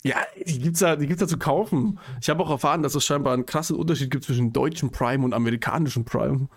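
A man's voice: mid-range voice, fast talker. Rambling young man, casual podcast chat. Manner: rambling, self-correcting, laughs often, youth slang. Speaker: podcast co-host.

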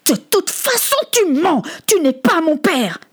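A woman voicing an angry, tearful boy who shouts at his father. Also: very high-pitched, sing-song, unhurried, pitched above the performer's own voice, exaggerated voice. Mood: furious. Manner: shouting, sobbing outbursts.

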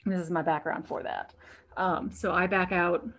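A woman's voice: lowish voice, fairly even intonation, normal speed, fairly bright tone. A woman guest talking casually in an interview, chatty and restarting her sentences as she thinks. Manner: chatty, repeats words while thinking, many "um"s. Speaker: guest, burlesque performer and show producer. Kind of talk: conversational interview answers. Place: home, on a video call.

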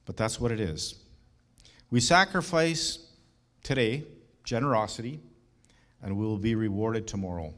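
A man's voice: fairly low pitch, a little slow, long pauses, a bit bright. Earnest middle-aged male pastor preaching. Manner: earnest, emphatic preaching with rhetorical questions. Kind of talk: sermon.

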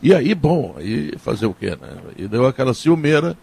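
A man, a veteran sports journalist explaining in a measured way. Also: medium pitch, big pitch swings, vocal fry, a little mellow, breathy edge. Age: 70s. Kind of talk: reflective storytelling.

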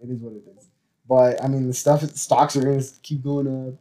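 A man's voice: mid-range voice, flat delivery, brisk, mellow, poor audio. A young man co-hosting a casual podcast chat, teasing the others and laughing often. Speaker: podcast co-host.

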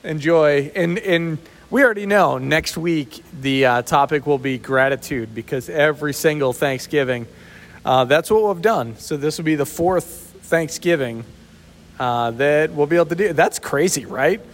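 In a sheltered outdoor spot full of echoey reverb, a man co-hosts a podcast at a moderate pace with a fairly high voice. The conversation is casual and teasing. He comes across as easygoing and often chuckles.

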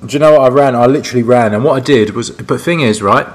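A man from Liverpool, a podcast co-host, telling a story in casual chat, animated and laughing, jumping into high voices to quote people. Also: fast talker.

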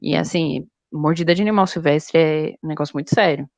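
A young woman, a zookeeper, chatting casually and telling stories in an animated way. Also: sits low, a little fast, gravelly, no room sound. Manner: animated storytelling. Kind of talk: casual chat.

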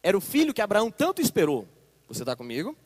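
A man with a Brazilian Portuguese accent preaching a sermon, reading scripture slowly and with emphasis and checking in with the congregation. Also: sits high, huge pitch swings. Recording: long hall reverb.

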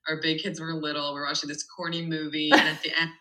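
A woman's voice: low-pitched, fast, rough recording. A woman in her thirties, a mother who works in medicine, telling funny family stories as a guest on a podcast, laughing and acting out quotes. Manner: animated, laughs often, acts out quotes. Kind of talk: casual storytelling chat.

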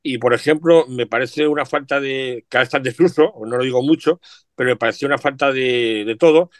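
A man's voice: mid-range voice, fast talker, no room sound, clean studio sound. A middle-aged man chatting reflectively about family words, with frequent asides. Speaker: guest. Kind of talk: casual chat.

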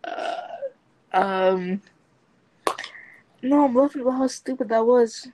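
A woman's voice: a little high, slow pace, warm tone, slight background noise, low-quality recording. A woman chatting on a casual group voice call, easily flustered. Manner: flustered, says bro a lot. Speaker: podcast co-host.

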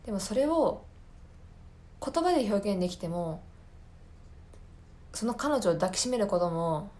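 Speaking solo in a relaxed recommendation segment, a female podcast host explains ideas with care while groping for the right words. She has a mellow, mid-range voice that is animated yet a little slow.

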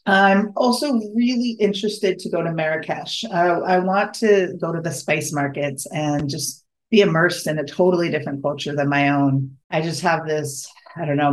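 A podcast host talks alone in an easy, unscripted way, full of eager feeling. The voice sits at an ordinary middle pitch. Thoughts run on, trail off, and restart mid-sentence. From United States. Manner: enthusiastic, rambling, self-correcting. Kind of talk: casual solo podcast monologue.

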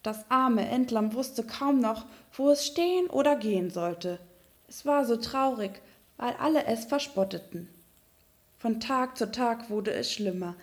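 Eine Frau, die ein Märchen ausdrucksvoll und sanft vorliest. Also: female voice, on the high side, animated, measured pace, darkish tone. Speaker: storyteller. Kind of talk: fairy tale reading.

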